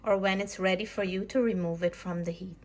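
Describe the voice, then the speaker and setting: A woman's voice: mid-range voice, fairly even intonation, brisk. A woman from Guyana hosting a cooking vlog, explaining each step of a recipe in a chatty, homely way. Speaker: cooking vlogger. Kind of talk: casual vlog narration. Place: outdoors in snow, then a home kitchen.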